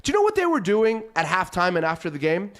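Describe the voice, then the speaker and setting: A high-voiced man from Portugal joins a soccer panel with emphatic, animated talk. His voice sits well above the other men, and he tells stories with conviction. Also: quick pace. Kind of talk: casual panel discussion.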